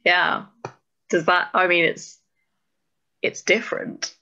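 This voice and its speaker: A woman with a gravelly, crisp-edged voice sits a little low in pitch as she talks through code on a video call. She mutters to herself and pokes fun at herself. The audio is dull and lo-fi. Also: steady tone, slow, bright, forceful tone. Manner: self-deprecating, thinks aloud, mutters to herself. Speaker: book club presenter. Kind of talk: casual live-coding walkthrough.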